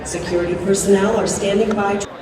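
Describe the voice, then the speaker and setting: Lady on the pa loudspeaker doing a calm emergency announcement, big hall echo, noisy. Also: medium pitch, recorded from a distance. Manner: formal, calm and measured. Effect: public address loudspeaker announcement.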